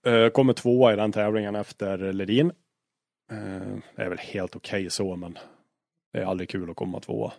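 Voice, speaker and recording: A man with a fairly low voice spins rally anecdotes in an easygoing interview. He talks as a co-driver, swears freely and acts out old arguments. The sound is close and dry, with almost no room in it. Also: creaky, dry recording. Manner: lively storyteller, swears freely, acts out quarrels. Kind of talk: casual anecdote telling in an interview.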